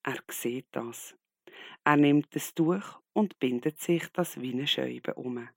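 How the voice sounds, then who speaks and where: Guy telling a kids' bible story, super slow, gravelly, dry close sound. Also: mid-range voice, dry recording. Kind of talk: Bible story narration for children.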